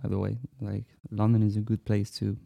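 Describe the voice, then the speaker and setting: A man in his twenties from France, a musician talking casually in an interview, relaxed and hesitant with many fillers. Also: fairly low pitch, brisk, creaky, no room sound. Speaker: musician guest.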